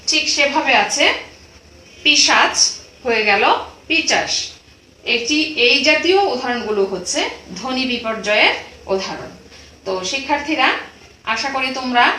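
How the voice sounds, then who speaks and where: A woman lectures in an online class, patient and methodical as she repeats each example. Her voice sits high and sounds bright and clear. The room gives an echoey ring, with a faint hiss underneath. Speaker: teacher.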